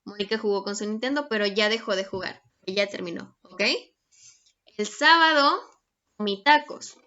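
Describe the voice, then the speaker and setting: A woman's voice: mid-range voice, moderate pace, pushed and bright, clear, resonant tone. A young woman teaching a grammar lesson, patient and checking in often with her students. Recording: dull lo-fi recording.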